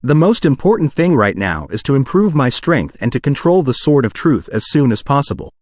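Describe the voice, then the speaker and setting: A calm, resolute young queen who trains as a knight, read by a synthetic male narrator. She speaks in a composed way, with a lively pitch line and a dry, close sound. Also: moderate pace, no room sound.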